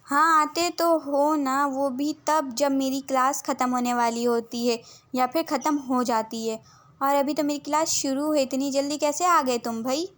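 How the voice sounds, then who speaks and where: Woman plays sarcastic stern male teacher, slow scolding, high voice. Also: steady tone, a bit bright.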